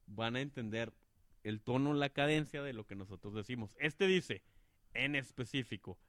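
A man's voice: mid-range voice, normal speed, a bit bright, no echo, clean studio sound. A man with a Mexican Spanish accent co-hosting a casual podcast, presenting his segment and trying to keep the others on track. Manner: keeps steering the rowdy table back to his segment. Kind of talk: casual chat.

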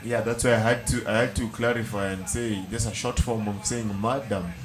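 A man's voice: lowish voice, fairly even intonation, a little fast, a crowd in the background. A man co-hosting a podcast in casual chat, telling stories with many restarts and fillers. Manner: rambling storyteller with many restarts. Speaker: podcast co-host.

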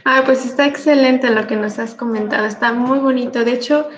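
A woman's voice: a little high, fairly even intonation, brisk, a little hiss or hum. Woman host on a dull, lo-fi line. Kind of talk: casual interview hosting. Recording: slightly dull, lo-fi sound.

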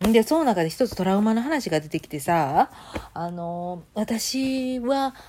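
A woman with a Kansai accent hosting her own channel, chatting casually and telling stories in a lively, conversational way. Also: mid-range voice, measured pace, a little hiss or hum. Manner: chatty storytelling, acting out quoted voices. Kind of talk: casual chat.

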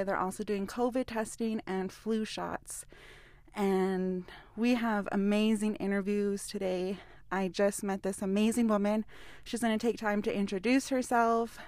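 A woman's voice: mid-range voice, no echo. A woman hosting a live podcast on location at an outdoor community event, upbeat and a little out of breath. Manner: enthusiastic, upbeat. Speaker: podcast host.

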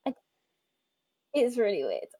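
A woman's voice: mid-range voice, huge pitch swings, measured pace, warm tone. A woman in her twenties hosting a podcast in casual chat, chatty, laughing often and trailing into fillers. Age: 20s. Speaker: podcast host.

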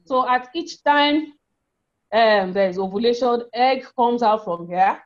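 A woman's voice: a little high, unhurried. A woman with a feminine voice giving an explanatory health talk as an educator, often repeating and rephrasing her points. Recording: dull, lo-fi sound.

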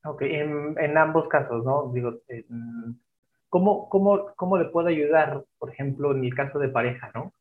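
A man's voice: on the high side, normal speed. A man hosting an interview, asking questions hesitantly with many restarts. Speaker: interview host. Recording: thin phone-like audio.

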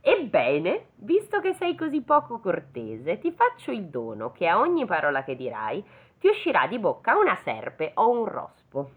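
A woman's voice: medium pitch, huge pitch swings, moderate pace, husky. A woman voicing a composed fairy disguised as a noble lady, speaking in a stately way. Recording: tinny phone-like sound.

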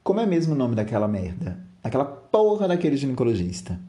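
A man voicing a short-tempered middle-aged father who shouts insults, then turns remorseful. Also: medium pitch, expressive, fairly quick, reverberant, lightly acted. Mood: furious.

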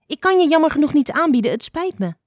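A woman's voice: medium pitch, expressive, no room sound, clean studio sound, natural voice. A woman voicing a cheeky, chattering songbird who pleads in a hurry. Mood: anxious. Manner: hurried, anxious pleading.

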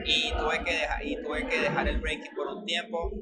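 A young man with a Venezuelan Spanish accent, a breakdancer telling his story in a casual interview, earnest and animated. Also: fairly high pitch, moderate pace, poor audio. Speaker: breakdancer guest. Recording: loud music underneath.

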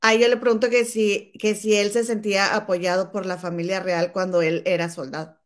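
A woman's voice: medium pitch, flat delivery, fairly quick. A woman hosting a conversational interview in a chatty, familiar way. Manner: chatty, addresses listeners familiarly. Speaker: host interviewing guests. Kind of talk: conversational live interview in Spanish and English.

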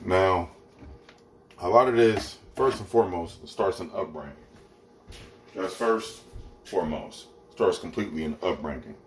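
A man's voice: low voice, unhurried, long pauses, a little hiss or hum, low-quality recording. A podcast host talking alone in a blunt, preachy way, swearing freely while he makes dinner at home. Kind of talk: casual solo monologue. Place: home kitchen, cooking dinner.

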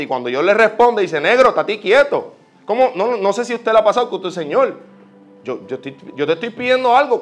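A man with a Puerto Rican accent preaching a sermon, telling personal stories with lively quoted prayers. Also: sits high. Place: church.

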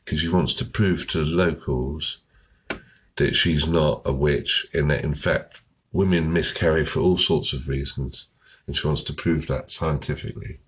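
A hoarse man with a cold, chatting casually and summarizing a book, often losing his thread. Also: very deep voice, steady tone, moderate pace. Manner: rambling, loses his thread and restarts. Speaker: book vlogger.

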